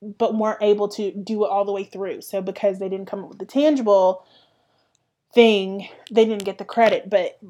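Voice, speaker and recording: A woman's voice: mid-range voice, fairly even intonation, normal speed, warm tone. A young woman hosting her own podcast, talking through casual solo commentary with emphatic, sassy asides. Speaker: podcast host.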